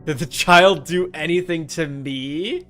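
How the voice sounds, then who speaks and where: A livestream host plays a horror game and chats casually, talking in a blunt, sweary, argumentative way. His voice is a little high and fairly bright, he speaks slowly, and faint music plays behind him.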